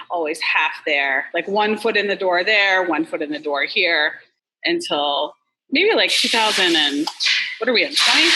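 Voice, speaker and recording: A woman's voice: on the low side, bright, forceful tone, a little hiss or hum, low-quality recording. A woman from Massachusetts, a restaurant co-owner, talking candidly in a casual interview with lots of "like" and "you know". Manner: chatty, candid, fillers like "like" and "you know", swears.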